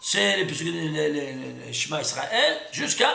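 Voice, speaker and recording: A man teaching a Torah class to a room of listeners, lively and emphatic, often stopping to ask whether everyone follows. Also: on the high side, unhurried, creaky, echoey room. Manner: lively and emphatic, full of restarts, asks "C'est clair?" often. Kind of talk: animated Torah lesson.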